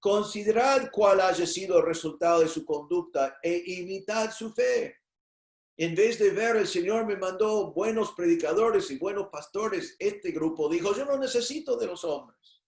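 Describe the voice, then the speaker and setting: Echoey Spanish-speaking pastor preaching. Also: male voice, high voice, unhurried. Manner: animated preaching, acting out quoted voices. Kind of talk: sermon. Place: church.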